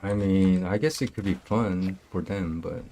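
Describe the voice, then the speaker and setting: A man's voice: low-pitched, unhurried, mellow. A young man from South Korea with a Korean accent, speaking English as a second language in a hesitant, plainspoken casual chat. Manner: hesitant, restarts words, plainspoken.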